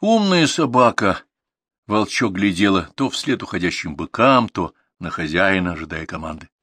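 A man reading short stories aloud as an audiobook narrator, in an expressive storytelling manner. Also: sits low, moderate pace, breathy edge, no room sound, studio quality. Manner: expressive, story-telling delivery. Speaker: audiobook reader.

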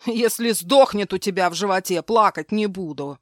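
A woman's voice: medium pitch, moderate pace, no echo, studio quality, close to an everyday voice. A woman voicing a vicious, drunken husband who snarls coarse threats, read in an audiobook. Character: brutal drunken husband, male adult, vicious.

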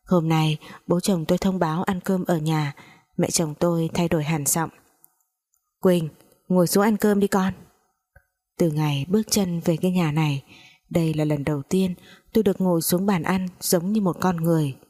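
A woman narrating a sad first-person story in a calm, somber way. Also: deep voice, fairly quick.

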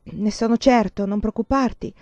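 A woman reading the lines of a caring young nephew, in a gentle, reassuring way. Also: fairly high pitch, normal speed, dry recording, lo-fi sound, lightly acted.

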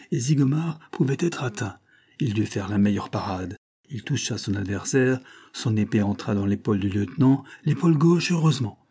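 A man's voice: mid-range voice, mellow, slightly rough. A man narrating an adventure novel as an audiobook, with dramatic storytelling. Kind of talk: scripted narration.

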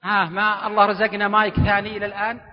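A high-voiced male preacher talks fast in a lively, interactive religious lecture before an audience in a large hall. He is animated, jokes around, and coaxes listeners to respond, and the recording sounds dull and echoey.

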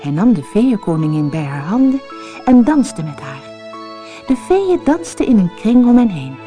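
A woman narrating a fairy tale for an audiobook in a slow, expressive storytelling manner. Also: medium pitch, soft background music.

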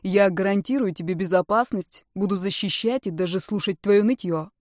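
A woman's voice: medium pitch, moderate pace, a little mellow, no room sound, lightly acted. A woman reading a story, voicing a blunt, decisive young man in a dry, matter-of-fact tone close to her own voice. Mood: curt.

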